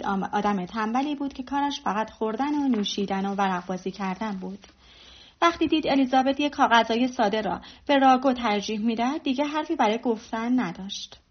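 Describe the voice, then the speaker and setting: A woman narrating a novel aloud as an audiobook reader, in a steady, expressive storytelling manner. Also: sits high. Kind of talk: storybook reading. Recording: dull lo-fi recording.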